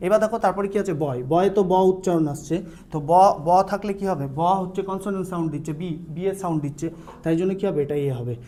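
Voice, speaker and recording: A high-voiced man with a Bengali accent teaches an online grammar lesson at a brisk clip. His tone is mellow and warm rather than bright. He keeps asking the students questions and then answers them, repeating the key sounds as he goes.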